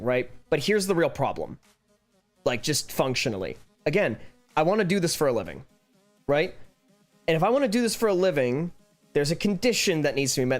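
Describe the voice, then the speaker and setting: Rambling male streamer chatting while drawing. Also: a little high. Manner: rambling, lots of fillers and restarts; grows heated and animated when venting. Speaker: livestreamer. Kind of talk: casual chat while drawing.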